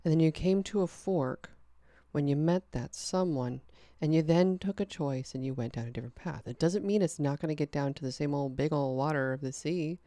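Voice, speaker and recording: A woman doing a casual, chatty tarot reading, animated and breaking into sung-out phrases. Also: low-pitched, a little fast, no echo. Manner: chatty, animated, sings out snippets. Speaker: tarot reader.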